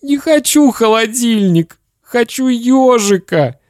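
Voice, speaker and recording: Man doing an eager little boy's high voice. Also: very animated, unhurried, darkish tone, no echo, studio quality. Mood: tearful. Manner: eager, high and pleading, turns tearful. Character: small excitable boy who trades things away.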